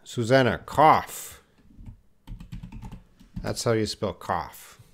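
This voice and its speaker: A man with a fairly low, lively voice speaks extremely slowly. He's teaching English in a live online lesson, patiently reading viewers' answers aloud and correcting them with repeated example phrases.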